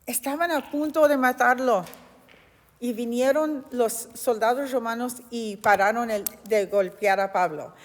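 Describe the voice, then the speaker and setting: A woman's voice: on the high side, measured pace, big-room sound. A woman teaching a Bible study, telling the story expressively and asking rhetorical questions.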